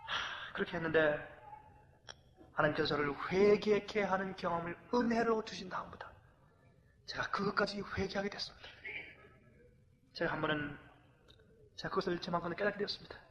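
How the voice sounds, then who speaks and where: A middle-aged man preaching as a pastor, animated, swinging from loud exclamations to hushed confession. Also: high voice, fairly quick, long pauses, lo-fi sound, slight background noise. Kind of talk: emotional sermon with acted anecdotes. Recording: long hall reverb.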